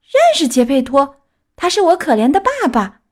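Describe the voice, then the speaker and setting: Woman performing a wooden puppet boy, storybook voice, high wailing pleas. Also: sing-song, moderate pace, a little mellow. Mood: eager. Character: wooden puppet boy, young, impulsive, grieving. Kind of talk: audiobook character voice.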